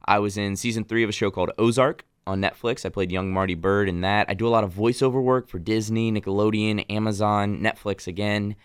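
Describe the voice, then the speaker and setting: A nineteen-year-old young man from Nashville, Tennessee, with an accent mixing Southern and Midwestern American, chats as a guest in a radio studio. His casual interview storytelling is friendly and animated, with restarts. His voice is lowish, smooth, and a little fast with few pauses, on a dry recording.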